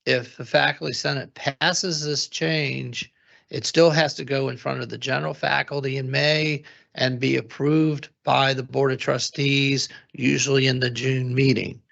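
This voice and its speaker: A man's voice: medium pitch, little pitch movement, measured pace, creaky, a bit bright. A man chairing a faculty committee, speaking plainly at a meeting in an auditorium. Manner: plain, procedural, with fillers. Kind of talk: meeting remarks. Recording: dull lo-fi meeting recording.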